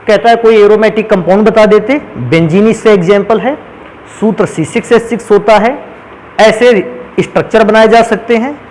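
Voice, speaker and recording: A man's voice: sits high, slight background noise, low-quality recording. A man teaching a chemistry lesson who keeps asking his students questions and answering them himself, speaking. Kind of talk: classroom lecture.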